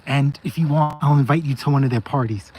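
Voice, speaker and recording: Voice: mid-range voice, fast talker, darkish tone, husky, poor audio. A diesel mechanic vlogging a casual walk-through of their machines, rambling and joking, often repeating phrases.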